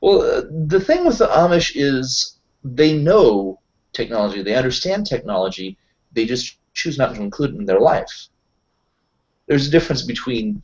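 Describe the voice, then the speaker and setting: Medium-pitched and a little mellow, this man's voice comes through lo-fi audio. He's a player in a tabletop roleplaying group, chatting casually in character and explaining things in a rambling, discursive way.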